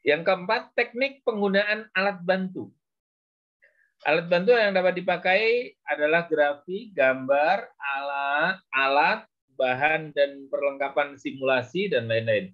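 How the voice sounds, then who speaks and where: A man lecturing on public speaking, with many short fillers and a measured, explaining manner. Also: on the high side. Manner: slow, with frequent "ya" and "gitu ya" fillers. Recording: dull lo-fi recording.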